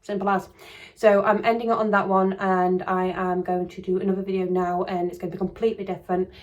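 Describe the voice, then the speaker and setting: Speaking briskly at medium pitch with little pitch movement, a croaky-voiced woman chimes in with casual remarks about a true crime case. Her lo-fi comments wander and hedge, with frequent restarts.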